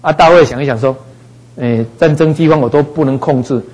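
Husky man teaching the Bible casually. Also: fairly high pitch, a little fast, darkish tone, low-quality recording. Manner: conversational, frequent "哈" fillers, acts out voices in quotes.

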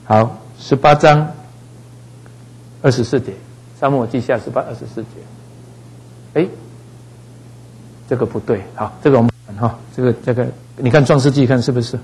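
A man teaching a Bible passage in a relaxed, conversational way, dropping frequent little fillers. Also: medium pitch, normal speed, long pauses, a little hiss or hum, poor audio. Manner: conversational, frequent "哈" fillers, acts out voices in quotes.

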